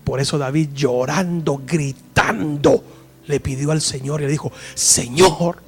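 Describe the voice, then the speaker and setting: A male pastor delivering an impassioned sermon, dropping to hushed tones and rising to loud pleading. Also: on the high side, measured pace. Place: church service.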